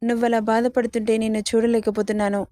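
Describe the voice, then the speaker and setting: A soft, flat-voiced temptress, read by a woman. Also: a little high, fast talker, dry recording, clean studio sound, natural voice. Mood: pleading.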